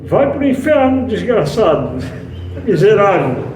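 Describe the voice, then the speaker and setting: A man's voice: high voice, sing-song, a little fast, a little mellow, a little hiss or hum. A man voicing a brash young woman at a gate who begs and then hurls abrupt insults, told as an anecdote in a spiritist talk. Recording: roomy hall, distant mic.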